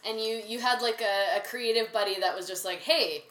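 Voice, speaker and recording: A woman's voice: a little high, moderate pace, fairly bright tone. A woman co-hosting a casual podcast chat in a jokey, teasing way, with comic exaggeration, in an echoey apartment. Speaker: podcast co-host. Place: echoey living room in a friend's apartment. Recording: echoey untreated apartment room.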